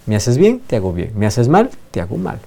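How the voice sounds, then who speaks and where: A man's voice: mid-range voice, wildly swooping pitch, fairly quick, creaky, dark tone. A man preaching a sermon, emphatic and fond of repeating phrases for effect.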